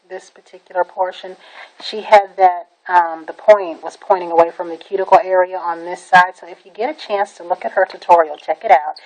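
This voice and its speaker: A woman's voice: on the low side, a little mellow, poor audio. A woman giving a casual nail art tutorial, talking in a chatty, enthusiastic way with frequent "um"s as she works. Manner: chatty and enthusiastic, with many "um"s and repeated "really, really". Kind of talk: casual how-to demonstration.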